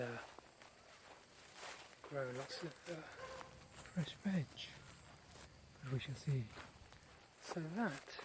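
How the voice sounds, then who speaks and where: A man giving a casual, unscripted garden tour outdoors, speaking in short phrases with pauses between them. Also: on the high side. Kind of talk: casual rambling vlog narration. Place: outdoors in a large rural garden. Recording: noisy outdoor recording with nature sounds.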